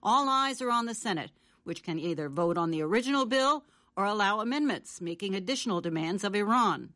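An American woman reading scripted radio news as an anchor, with a formal, measured news reader delivery. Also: mid-range voice, lively intonation, pushed and bright, no echo, clean studio sound.

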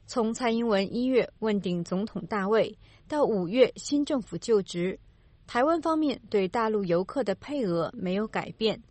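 Female news reporter, formal and measured, with a mid-range voice and a dry studio sound. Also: medium pitch, a little mellow, no room sound. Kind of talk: scripted news narration.

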